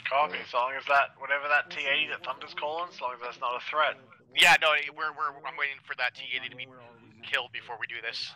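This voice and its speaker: A man with a very bright, cutting voice relays terse calls in a military game. His pitch is middling, and he sounds businesslike as a team leader. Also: fairly even intonation, fast talker, rough recording.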